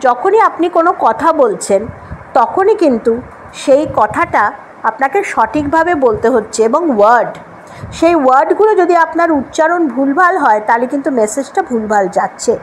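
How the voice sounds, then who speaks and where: Woman, Bengali accent, high voice, patient classroom pronunciation teacher who spells words out and drills them, faint room hiss. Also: animated, moderate pace, rough recording. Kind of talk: classroom lesson at a board. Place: classroom with a board.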